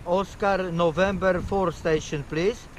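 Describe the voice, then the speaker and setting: A man's voice: sits high, fairly even intonation, slow. A man operating amateur radio outdoors, reading call signs in the phonetic alphabet with clipped procedural phrasing. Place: outdoors on open moorland. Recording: loud wind noise outdoors.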